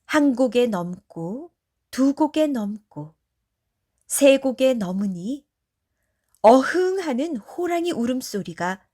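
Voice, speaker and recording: A woman telling a bedtime folktale in a gentle, soothing ASMR narration. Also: sits high, sing-song, slow. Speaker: storyteller. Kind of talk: soft ASMR bedtime storytelling.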